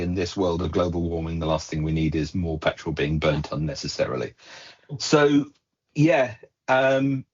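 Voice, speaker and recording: A man co-hosting a casual podcast chat, measured, with dry punning asides. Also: fairly low pitch, a little mellow, husky. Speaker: podcast co-host. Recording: dull lo-fi podcast audio.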